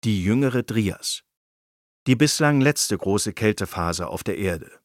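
A man's voice: fairly low pitch, animated, takes it slowly, no echo, studio quality. A man reading nonfiction in a scripted, engaged storytelling manner. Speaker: narrator.

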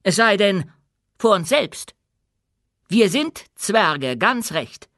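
A commanding dwarf queen booms out a rousing speech to her people in an audiobook, as a male narrator puts her on. The voice sits high and bright, and the room is close and dry. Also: sing-song, takes it slowly, no echo, exaggerated voice. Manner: loud, proud, rousing oratory. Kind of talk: audiobook character voice.

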